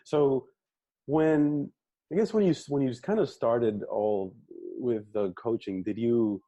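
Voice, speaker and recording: A podcast host and coach chats casually with a guest on his fitness show, affirming him and often repeating words while he thinks. His mid-range voice is slow and mellow, captured in a dry recording with the highs cut off.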